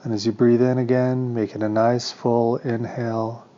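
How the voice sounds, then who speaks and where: A male meditation teacher guides a session in a medium-pitched voice, giving calm, deliberate, soothing instructions broken up by pauses. The recording sounds slightly muffled.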